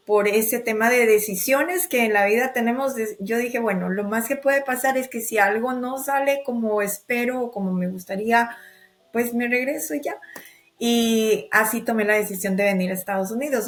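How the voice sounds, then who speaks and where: A woman from Ecuador, a life and business strategist, telling her story as a podcast guest in an expressive way. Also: mid-range voice. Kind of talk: podcast interview.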